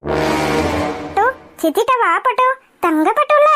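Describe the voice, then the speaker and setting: A woman's voice: very high-pitched, wildly swooping pitch, slow, music in the background, exaggerated voice. A woman voicing a sugary young bride-to-be. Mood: coaxing. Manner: sugary, coaxing. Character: sweet-talking young bride-to-be, falsely caring.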